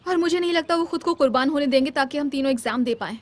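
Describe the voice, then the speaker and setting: A woman's voice: high-pitched, fast, lightly acted. A woman dubbing a bold, commanding young vigilante. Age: young adult. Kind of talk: Hindi film dub.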